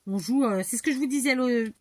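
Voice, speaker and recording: A woman's voice: a little high, a little fast, a little mellow. A middle-aged woman chatting casually as she works through a scrapbooking tutorial, rambling and talking to herself, a bit stuffy. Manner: rambling, chatty, talks to herself while working. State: stuffy, needs to blow her nose. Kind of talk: casual tutorial chat while crafting.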